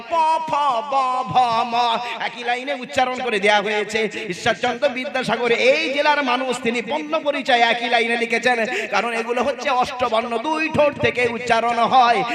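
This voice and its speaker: High-pitched chanting preacher over a crowd. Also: male voice. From India. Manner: sing-song, rises to loud high emphatic peaks, quizzes the crowd. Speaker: Islamic preacher. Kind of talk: chanting jalsa sermon to a crowd. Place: outdoor religious gathering. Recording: live crowd, PA system.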